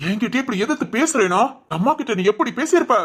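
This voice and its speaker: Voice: mid-range voice, animated, fast talker, heavy background noise, close to an everyday voice. A voice actor playing a stern young husband in a cartoon who sides with his mother, lecturing and commanding, with Tamil village speech. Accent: Tamil Nadu village speech.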